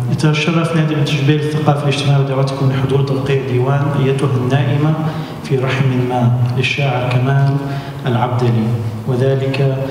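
A man hosting an open mic, briskly reading announcements at a podium in a large hall. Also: mid-range voice, darkish tone, a little hiss or hum. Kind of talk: event announcements. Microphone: stand mic at podium, recorded by far camera. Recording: echoey hall recorded from far off.

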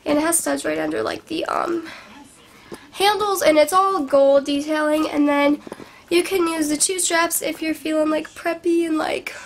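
A young adult beauty vlogger rambles bubbly and chatty from her small bedroom, saying "like" a lot and sounding sick and sniffly. Her high, gravelly voice is steady at normal speed, with slight background noise, recorded by a camera held in front of her at arm's length.

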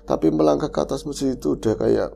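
A man's voice: mid-range voice, expressive, fast talker, creaky, mellow, soft background music. A man tells his life story in a casual interview. He speaks earnestly, as if making an emotional confession. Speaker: guest, reformed street thug.

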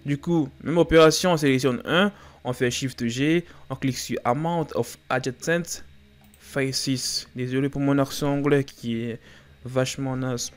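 A man hosts a beginner Blender tutorial on 3D modelling, talking over a screen recording. His medium-pitched voice is steady and moves at a normal speed, and he speaks casually, with fillers and self-deprecating jokes.

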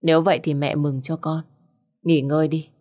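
A woman's voice: deep voice, little pitch movement, moderate pace, warm tone, natural voice. A woman reader voicing a worried, grieving elderly mother who blames herself. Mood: sad. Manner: mournful, self-blaming.

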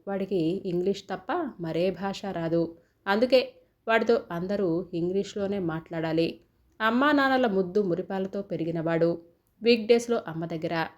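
A woman narrating an audio story in a steady, reflective way, often asking rhetorical questions. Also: mid-range voice.

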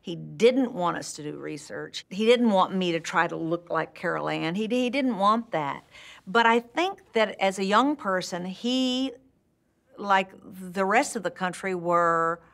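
An older actress from Texas, speaking with a Texan accent, candidly recalls how she started acting in an indoor interview in a room with curtains and plants. Her lowish voice is expressive and measured, with some vocal fry. She is warm, laughs often, and restarts sentences as she reflects.

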